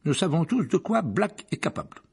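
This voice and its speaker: A man's voice: on the high side, sing-song, normal speed, gravelly, breathy edge, voice pushed up, exaggerated voice. A man voicing a pompous middle-aged official who blusters and stammers. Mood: blustering. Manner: hesitant stammer, blustering, hushed at times.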